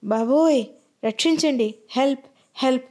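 A woman's voice: fairly high pitch, animated, a little fast, warm tone. A woman reading a story voices a frightened young woman, pleading and panicked as she is taken away. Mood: screaming for help.

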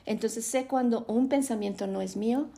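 Mexican woman teacher with a gravelly voice. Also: a little high, moderate pace. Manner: animated storyteller, tags lines with "¿no?". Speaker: Bible class teacher. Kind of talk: Bible teaching.

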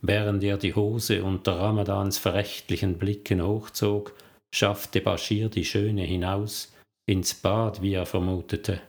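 A male audiobook narrator reading a thriller in a measured, deliberate way. His voice is lowish and his pace is very unhurried. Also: flat delivery.

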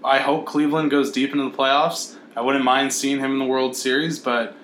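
Man, mid-pitched voice, blunt sports opinions, echoey room, faint background noise. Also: level tone, normal speed, a bit bright. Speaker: podcast co-host. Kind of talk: casual sports chat.

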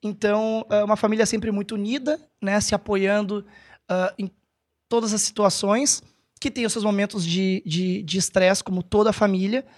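A man speaks as a podcast guest. His talk is casual and meandering, often pausing to search for a word and correct himself. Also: sits high, fairly even intonation. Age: 30s. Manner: rambling, hesitant, self-correcting. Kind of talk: casual chat.

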